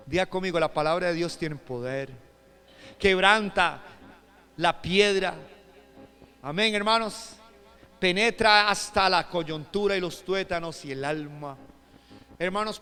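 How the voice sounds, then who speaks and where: A man preaching a sermon as pastor, swinging between loud shouted emphasis and hushed soft passages and calling on the congregation with repeated questions. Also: sits high, smooth, big-room sound. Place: church sanctuary.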